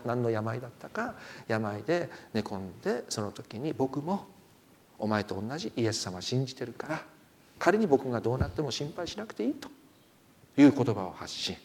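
A man's voice: mid-range voice, moderate pace. A middle-aged man, a pastor, preaching a sermon and telling stories, acting out the quoted speech of the people in them. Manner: animated storyteller, acts out quoted speech. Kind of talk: sermon with storytelling.

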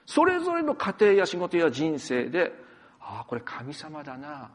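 A man preaching a sermon as pastor, in an animated, conversational way with asides. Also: on the high side, normal speed, a little hiss or hum. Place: church sanctuary. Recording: long hall reverb.

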